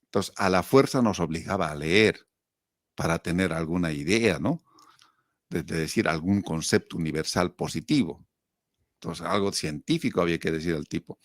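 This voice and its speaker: Low-voiced Bolivian man, casually reminiscing. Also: moderate pace, dry recording, clean studio sound. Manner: animated storyteller, acting out quotes and asking himself rhetorical questions. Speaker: interview guest.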